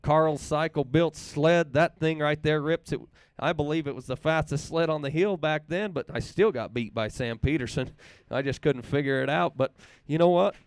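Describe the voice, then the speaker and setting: A man announcing a live race, reading out times slowly and chatting in a folksy way between runs. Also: fairly high pitch, clean tone, no echo. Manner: reads race times slowly and repeats them. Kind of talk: live play-by-play commentary.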